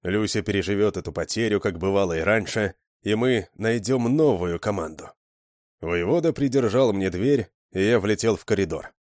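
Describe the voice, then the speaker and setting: A male audiobook narrator with a low voice, telling the story steadily. The recording is dry and close, with no room echo. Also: normal speed, darkish tone. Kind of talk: scripted narration.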